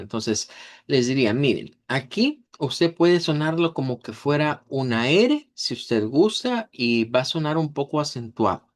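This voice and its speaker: A man teaching a language class, patient and methodical, repeating example words several times. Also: medium pitch. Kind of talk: online class lesson.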